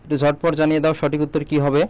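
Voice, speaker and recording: A young man runs a live exam-prep lesson, firing quick questions at his viewers and reading their answers aloud. His voice sits a little high for a man, and he keeps a steady teaching rhythm. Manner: quizzing viewers, reading out comments. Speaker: admission coaching teacher.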